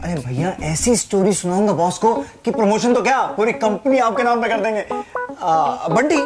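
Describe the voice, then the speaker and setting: A woman's voice: mid-range voice, expressive, moderate pace, close to an everyday voice. A woman voicing a cheeky young man in a cartoon who recites silly poetry in a showy, theatrical way. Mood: teasing. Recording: music in background.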